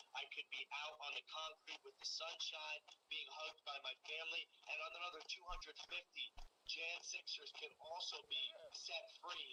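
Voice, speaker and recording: A man's voice: fairly high pitch, background noise. A man speaking as a guest on a live stream, delivering an impassioned rallying appeal. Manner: fervent, impassioned.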